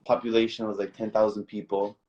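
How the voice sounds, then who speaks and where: A man's voice: fairly low pitch, level tone, fairly quick, warm tone, muffled recording. A young man from Toronto, a guest recording artist, chatting in an easygoing, rambling way and calling the host bro and man. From Toronto, Canada. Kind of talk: casual interview chat.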